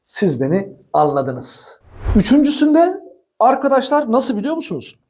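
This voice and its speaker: High-voiced animated man coaching billiards. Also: unhurried. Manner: animated, chatty, laughs often, addresses viewers as friends. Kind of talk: instructional talk to camera. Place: his own billiards practice room.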